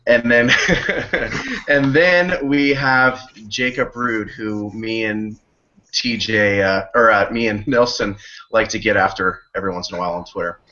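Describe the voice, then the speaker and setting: A man's voice: fairly low pitch, fairly even intonation, a little slow, sharp tone. A man hosting a casual sports podcast, teasing his guests and laughing often. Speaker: podcast host. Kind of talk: casual chat. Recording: muffled lo-fi call audio.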